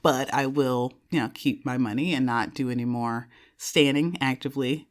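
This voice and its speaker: A woman's voice: very deep voice, steady tone, moderate pace. A woman in her thirties, a podcast host sitting in as the guest, chatting casually and rambling, correcting herself and laughing often.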